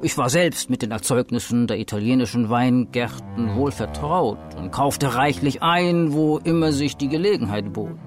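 A man narrating a story in the first person, measured and dramatic with a sly edge. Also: medium pitch, soft background music. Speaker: audiobook narrator.

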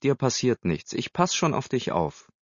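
A man lifting his voice high to play a sporty teenage boy, bold, teasing and full of himself. The sound is slightly dull and very dry. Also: sing-song, normal speed, dry recording. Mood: cocky.

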